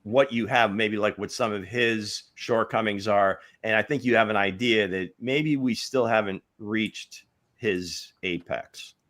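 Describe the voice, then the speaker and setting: A man's voice: on the low side, measured pace, a bit bright. A man co-hosting a casual sports talk show, analyzing draft prospects in a rambling, thinking-aloud way. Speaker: football analyst co-host.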